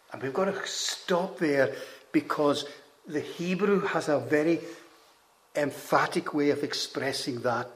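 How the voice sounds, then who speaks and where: A man preaching a sermon, slow and measured, with emphatic rises and hushed drops on key phrases. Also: mid-range voice.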